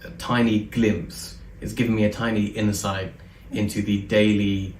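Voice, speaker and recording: A man's voice: fairly low pitch, level tone, moderate pace. A man, an interview guest speaking earnestly and hesitantly with frequent ums. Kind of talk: conversational interview. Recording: echoey room, distant mic, faint background noise.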